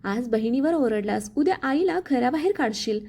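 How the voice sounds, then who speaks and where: A woman's voice: sits high, lively intonation, moderate pace, dark tone. A woman voicing a greedy, harsh middle-aged mother-in-law in a spoken family story, scolding and demanding. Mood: angry scolding.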